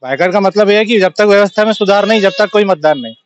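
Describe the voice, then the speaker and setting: A man's voice: high voice, fast talker, dull audio. A man, a shopkeeper, speaking emphatically and indignantly in a street interview.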